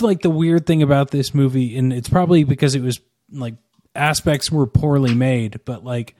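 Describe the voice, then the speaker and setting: A man hosting a podcast, asking his guests questions and chatting in a lively, laughing way. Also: on the high side, dry recording. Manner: lively, laughing, animated storytelling. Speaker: podcast host. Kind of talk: casual podcast chat.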